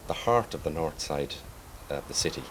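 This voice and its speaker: Extremely deep-voiced man. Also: expressive, moderate pace. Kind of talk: interview explanation. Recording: faint background noise.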